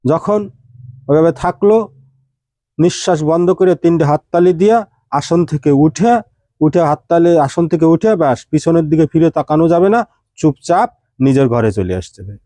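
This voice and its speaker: Male ritual teacher, mellow tone, dry close sound, explains each step plainly. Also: on the high side, normal speed, dry recording. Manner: steady step-by-step instructing, addressing listener informally. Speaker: tantric practitioner teaching rituals. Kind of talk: spoken ritual instructions.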